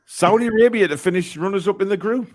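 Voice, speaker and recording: A man hosts a casual live football stream, reading out chat messages and poll results with an upbeat lift. His fast, high-pitched, slightly mellow voice is chatty but dotted with hesitant fillers.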